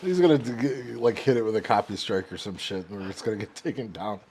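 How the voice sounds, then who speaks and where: A man's voice: fairly low pitch, animated, fast, darkish tone, slight background noise. Easygoing podcast co-host man. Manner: short backchannels, laughing retellings. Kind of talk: casual chat.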